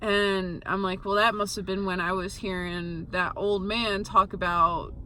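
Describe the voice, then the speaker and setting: A young woman with a bright, forceful voice, chatting casually into the camera for her vlog. She tells her story with little giggles between phrases, over a faint hum of background noise. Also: mid-range voice, flat delivery, a little slow. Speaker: vlogger. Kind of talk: casual chat.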